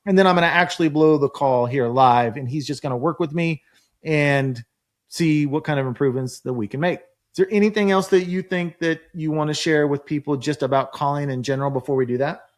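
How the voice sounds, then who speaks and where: A man's voice: a little high, a little fast. A man hosting a casual interview as a learner, talking in an informal, colloquial way. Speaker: host and learner.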